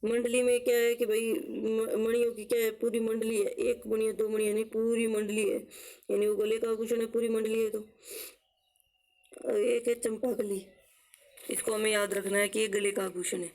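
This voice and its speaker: A woman teaches an exam-prep lesson with memory tricks, her pitch a little high and staying flat. She repeats each term to drill it and answers her own rhetorical questions. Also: moderate pace, poor audio. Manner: repeats words to drill them.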